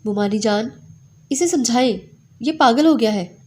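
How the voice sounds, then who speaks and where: A woman's voice: a little high, a little mellow, close to an everyday voice. A woman voicing a grieving young divorced woman who speaks bitterly and wearily. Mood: furious. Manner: bitter, tired.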